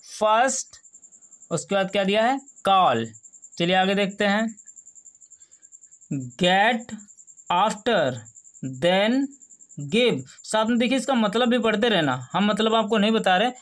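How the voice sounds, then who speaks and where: A man's voice: sits high, brisk, rough recording. A man teaching English vocabulary, reading single words one at a time with plain instructions in between. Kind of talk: slow vocabulary lesson.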